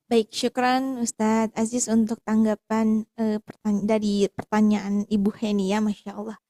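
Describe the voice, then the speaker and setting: A woman's voice: medium pitch, little pitch movement, moderate pace, dark tone, no echo, studio quality. A woman moderating an online class, politely thanking the teacher and reading out viewers' questions. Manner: polite and courteous, reads viewers' questions aloud.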